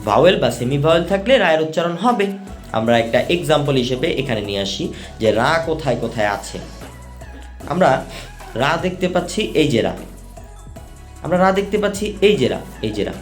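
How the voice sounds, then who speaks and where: A man teaching an English pronunciation lesson, patiently repeating each rule step by step for his learners. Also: on the high side. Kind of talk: explanatory lesson.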